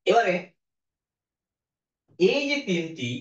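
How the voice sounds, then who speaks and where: Male teacher, slow and measured, demonstrating sounds; recorded in an echoey room on a camera mic. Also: sits high, sing-song, lo-fi sound. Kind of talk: classroom lesson.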